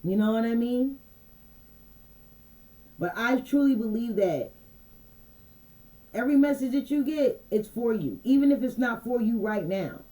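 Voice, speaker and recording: Speaking unhurriedly and conversationally, this intuitive card reader delivers a casual channeled message to her livestream audience. Her voice is on the high side, mellow and relaxed, and she often repeats herself and makes sure viewers are keeping up. The audio quality is low.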